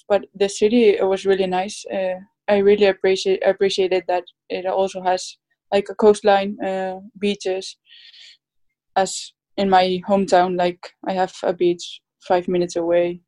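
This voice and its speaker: A woman's voice: mid-range voice, dark tone. A woman from the Basque Country speaking English with a Basque Spanish accent, answering casually as a footballer in an interview. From Basque Country, Spain. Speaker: professional footballer being interviewed.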